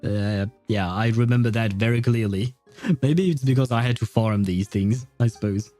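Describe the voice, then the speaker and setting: A man livestreams a video game, chatting in a casual, friendly, rambling way while commenting and reading dialogue aloud, chuckling often. His voice is lowish and mellow at a moderate pace, with soft background music.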